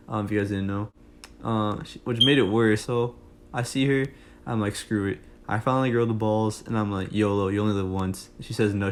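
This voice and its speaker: A young man telling a casual, jokey story to his viewers, rambling with fillers and asides. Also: on the low side. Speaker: storytime vlogger.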